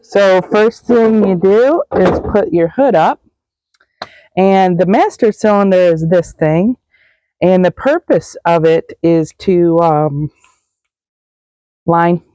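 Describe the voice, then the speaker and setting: A woman's voice: on the low side, slow pace, pauses often, warm tone, rough recording. A woman hosting a casual project vlog, chatty and joking as she narrates the work. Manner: chatty, joking, laughs easily. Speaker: vlog host.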